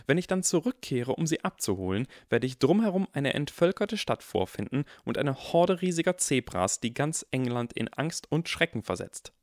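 A man's voice: mid-range voice, big pitch swings, dry recording, clean studio sound, voice pushed up. Man voicing a stern older witch professor. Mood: dry formal. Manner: formal, measured, hesitant at times. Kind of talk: audiobook character reading.

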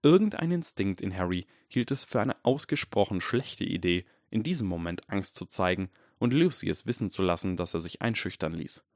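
A man reads a story aloud in a calm, even way. His voice is very low and deep, and the recording is dry and close with no room sound. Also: moderate pace, few pauses, dry recording. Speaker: narrator. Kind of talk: audiobook reading.

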